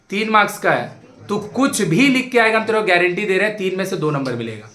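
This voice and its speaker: A high-voiced male math tutor, talking to his class in a chatty, joking, familiar way. His voice rings through a bare, echoey classroom and is picked up from some distance away. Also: bright, forceful tone. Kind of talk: classroom lecture.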